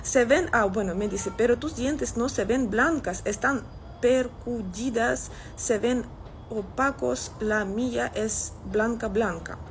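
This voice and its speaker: A Russian woman in her thirties, a social media content creator, chats casually to camera while answering comments, speaking with a Russian accent. Her voice is on the high side and slow. She films on a phone held at arm's length, giving a rough recording with a little hiss or hum.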